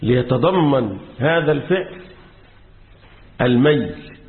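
A man's voice: mid-range voice, animated, slow pace. A man with an Egyptian accent, a sheikh lecturing a class on Quran commentary, quizzing his students with fill-in questions and repeating key words. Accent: Egyptian Arabic. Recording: tinny lo-fi phone-like recording.

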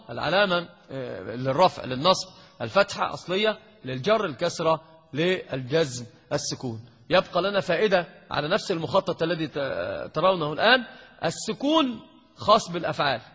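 A man's voice: on the high side, fairly bright tone, breathy edge. A man teaching Arabic grammar to a class, quizzing and teasing his students as he goes. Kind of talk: classroom lesson with questions to students. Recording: lo-fi lecture recording in a long-reverb hall.

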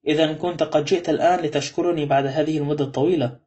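Curt, wary young gentleman for a storybook reading, as a male narrator puts him on; fast and firm. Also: fairly high pitch, fairly even intonation, natural voice.

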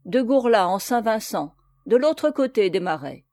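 A woman's voice: a little high, big pitch swings, a little slow, darkish tone, no room sound, studio quality. A woman voicing a sly, falsely humble middle-aged male peasant in an audiobook, rustic and evasive in speech. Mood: wheedling. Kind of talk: audiobook character reading.

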